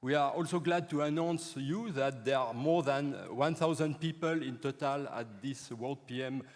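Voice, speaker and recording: Man, halting welcome. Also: medium pitch. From France. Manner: halting, with repeated words. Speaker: conference co-chair, professor. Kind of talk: formal welcome speech. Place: large conference hall. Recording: reverberant conference hall.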